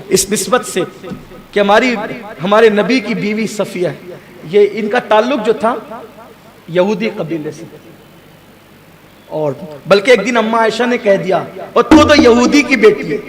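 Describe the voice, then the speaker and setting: A man preaching a sermon to a live audience, fervent and emphatic, often tossing rhetorical questions to the listeners. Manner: fervent, rises to high emphatic peaks, rhetorical asides to the audience. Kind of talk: impassioned sermon. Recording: crowd audible around live sermon.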